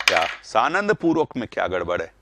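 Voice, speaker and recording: A man teaching Hindi grammar in a live online class, calling students by name, repeating words and getting loud when he corrects them. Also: fairly low pitch, fairly quick, background noise. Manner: animated, rising sharply when correcting.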